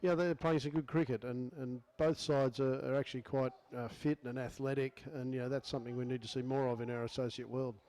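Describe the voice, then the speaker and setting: An Australian man speaking as a guest cricket commentator, understated and quiet, with plenty of fillers. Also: medium pitch, fairly even intonation, a little fast, few pauses, poor audio. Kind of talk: casual expert commentary. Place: commentary position at a cricket ground.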